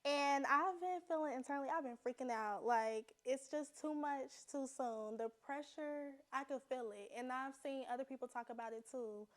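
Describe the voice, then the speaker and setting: Young woman podcast host, higher voice, friendly and curious, asks lots of questions. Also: normal speed, few pauses. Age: 20s. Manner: friendly, asks open questions, agrees often. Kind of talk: casual interview chat.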